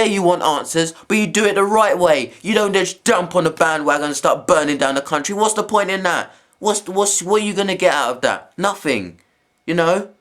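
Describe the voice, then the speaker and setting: A young man rants into his camera in a home video blog. His voice sits a little high for a man, and he piles up repeated phrases in quick bursts. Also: fairly bright tone. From England. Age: young adult. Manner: heated, repetitive, rapid-fire rant.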